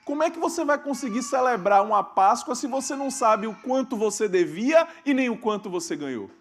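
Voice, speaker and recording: A man preaching a sermon as pastor, asking questions of the congregation and swinging between loud emphasis and quiet asides. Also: very high-pitched, expressive, fairly quick. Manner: calls out questions to the congregation and waits for amens. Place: church hall.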